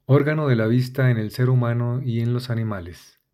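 Male reader, mid pitch, unhurried dictionary recital, warm tone. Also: steady tone. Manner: slow, measured, spells out letters. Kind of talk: reading dictionary entries aloud.

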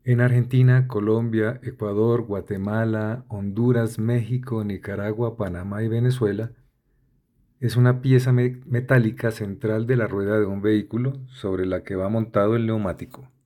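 A vocabulary reader goes through dictionary entries methodically, spelling out letters and listing synonyms in slow, deliberate reading. His voice is low and dark, steady in tone, and he speaks at normal speed.

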